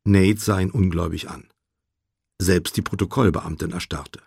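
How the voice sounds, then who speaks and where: A man narrating an audiobook in a measured, expressive storytelling manner. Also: sits low, creaky, husky, no echo, studio quality.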